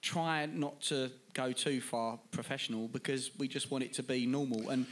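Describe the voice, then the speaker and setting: A man's voice: medium pitch, steady tone, moderate pace, fairly bright tone. A man co-hosting a podcast live in a bar, chatty and self-deprecating. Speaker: podcast co-host. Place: bar venue with live audience.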